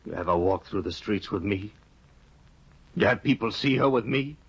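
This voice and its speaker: In a 1950s radio play, an actor plays a ruined, despairing scholar who broods bitterly and bursts into anguish. His voice is on the low side, expressive and a bit breathy at normal speed, heard through a dull 1950 broadcast recording.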